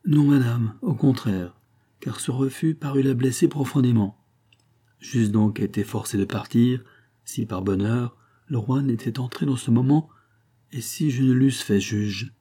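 A man's voice: mid-range voice, unhurried, warm tone, slightly rough, voice pushed up. Man reading as a grave, formal nobleman. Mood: earnest. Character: grave loyal nobleman, a count.

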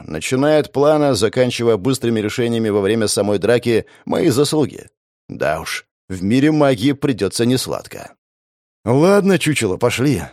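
A man reading first-person fiction aloud as an audiobook narrator, in a cold, measured, matter-of-fact manner. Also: on the low side, darkish tone, dry recording, studio quality.

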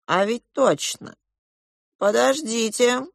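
A woman's voice: on the high side, creaky, dry recording, studio quality, pitched above the performer's own voice, exaggerated voice. Woman voicing a dreamy little boy. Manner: slow, drifting, then crying out.

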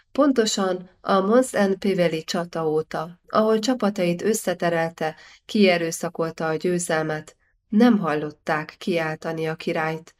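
A woman reading a historical novel aloud as an audiobook narrator, measured and steady. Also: on the low side. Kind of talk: scripted narration.

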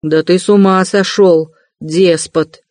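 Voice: mid-range voice, steady tone, takes it slowly, a little mellow, no echo, lightly acted. A reader voicing a tipsy, boisterous young man who blusters and bellows. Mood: blustering.

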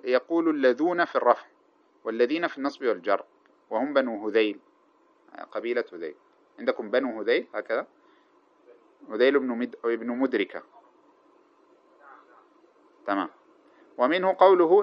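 Male grammar teacher, quick delivery, asks and answers his own questions; muffled lo-fi recording. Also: mid-range voice. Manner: asks the class questions with a drawn-out "what?" and answers them himself; slows down and chants the quoted verses. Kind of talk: classroom explanation of a grammar text. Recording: dull lo-fi recording.

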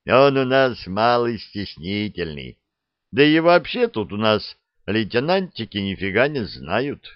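A cocky, flirty soldier, as a male narrator puts him on, swaggering and slangy with a lively up-and-down delivery. Dull, dry storybook sound. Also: lowish voice, a little slow, no room sound.

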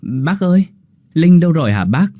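A man's voice: on the low side, animated, takes it slowly, mellow, no room sound, clean studio sound. A man voicing a polite, hesitant young man who fumbles his words. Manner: polite, hesitant, nervous laugh.

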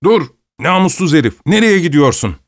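A man voicing an angry, irritable male postman who yells curses. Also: mid-range voice, measured pace, no room sound, studio quality, close to an everyday voice. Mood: furious. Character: angry shouting middle-aged male postman.

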